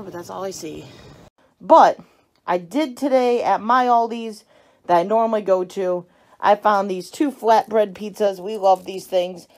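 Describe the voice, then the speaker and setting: Filming on a handheld phone outdoors at store dumpsters and at home, a dumpster diving vlogger in her thirties chats upbeat and talkative to viewers in casual narration. Her voice is mid-range and a little mellow, and the recording quality is low.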